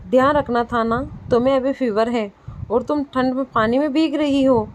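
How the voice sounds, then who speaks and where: A woman reading the lines of a caring, protective young husband in a storybook tale, gentle with a light scolding edge. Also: high-pitched, moderate pace, a little hiss or hum, lightly acted. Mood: tender.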